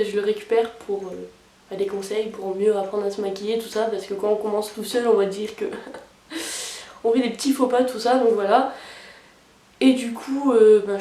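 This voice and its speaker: Her medium-pitched voice is warm as this young woman chats hesitantly through her makeup steps, with frequent fillers. As a beauty vlogger filming from afar, she's picked up by a distant camera mic in a roomy space.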